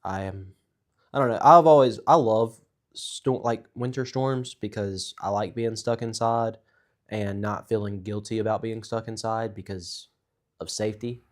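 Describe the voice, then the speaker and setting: A young man co-hosting a relaxed talk show. His voice sits somewhat low, and he talks in an easygoing, agreeable way with frequent hesitant fillers. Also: a little slow. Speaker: podcast co-host. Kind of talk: casual chat.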